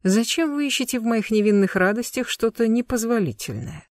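A suave, cruel aristocratic lord from an audiobook, polite on the surface and icy underneath, as a reader puts him on. His pitch rises and falls with mocking surprise, and the voice sits close and dry with no room around it. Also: brisk, no room sound, lightly acted. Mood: cold menace. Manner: courteous, mocking, with cold menace. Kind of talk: audiobook narration.

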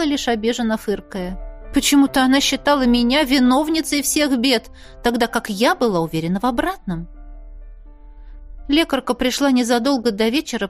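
A woman narrating a first-person audiobook in a wry, expressive reading. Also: sits high.

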